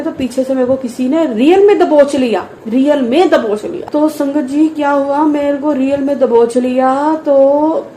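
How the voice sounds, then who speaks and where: A woman's voice: high voice, dark tone, reverberant, a little hiss or hum, low-quality recording. A middle-aged woman telling an earnest, emotional devotional testimony and often addressing the congregation directly.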